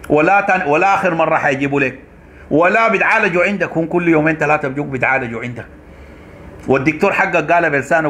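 A man's voice: on the high side, sharp tone. A man with a Sudanese Arabic accent delivers an accusatory political rant, hammering his points with repeated phrases. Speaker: online commentator.

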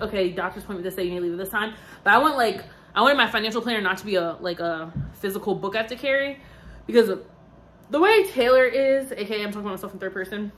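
Worn out but still talking, a twenty-something vlogger chats loosely to camera with lots of fillers and tangents. She has a mid-range, fairly bright voice.

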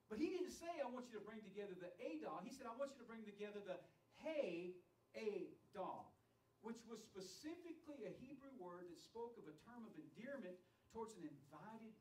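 A man's voice: high-pitched, a little mellow, distant mic. A man teaching a sermon-style lecture to leaders, emphatic and asking the room direct questions. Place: training center classroom. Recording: echoey room, voice from off the mic.

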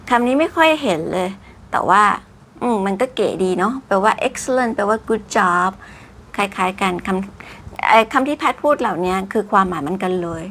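A woman giving a casual English vocabulary lesson, drawing out each word slowly with exaggerated mouth shapes. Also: mid-range voice, a bit bright, a little hiss or hum. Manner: exaggerated slow pronunciation of English words; chatty, polite particles.

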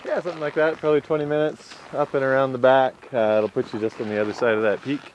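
A man's voice: medium pitch, steady tone, fast, muffled recording, slight background noise. A man casually giving directions in an easygoing, friendly, offhand way. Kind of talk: casual chat.

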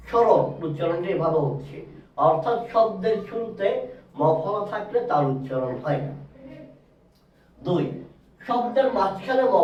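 A man with a high voice teaches a grammar rule at a board, spelling out letters one by one and repeating each point slowly. He sounds set back from the mic in an echoing room, and the sound is dull. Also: a little hiss or hum. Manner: addresses viewers directly, self-correcting. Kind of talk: whiteboard grammar lesson. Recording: roomy, distant, dull sound.

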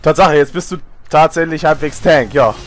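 A young man chatting casually while gaming, loud and excitable, often shouting and swearing. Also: fairly high pitch, moderate pace, slight background noise. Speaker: gamer, channel host.

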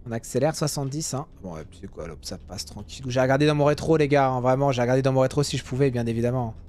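A young man giving casual, jokey commentary while playing a driving game, now and then yelling at other drivers. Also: mid-range voice, very fast, a little hiss or hum. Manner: chatty, jokey, swings to loud yelling at drivers. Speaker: gaming youtuber.

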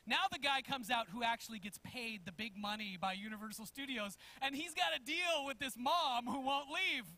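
A man preaching a sermon as pastor in a church, telling a story in an animated way and chuckling as he goes. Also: extremely high pitch, moderate pace. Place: church sanctuary.

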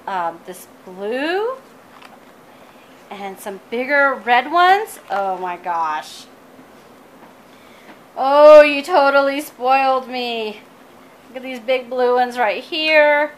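A woman with a high, bright voice chats her way through a casual unboxing vlog of craft supplies. She gushes and exclaims, filling her talk with "um" and "you guys." Faint room ambience sits behind her. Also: a little hiss or hum. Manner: bubbly, gushing, many fillers and "you guys". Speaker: crafting vlogger.

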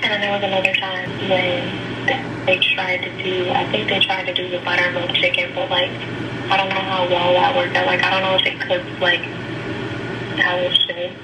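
A woman's voice: lowish voice, monotone, normal speed. A young woman speaking off camera in a home kitchen, chatting casually, rambling with lots of fillers and giving advice. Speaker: friend off camera. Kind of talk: casual chat. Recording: off-camera voice, loud background noise.

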